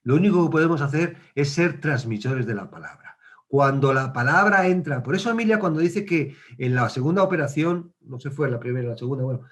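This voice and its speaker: A man's voice: medium pitch, animated, a little fast. A man teaching a casual Bible study, conversational, asking questions and acting out quotes.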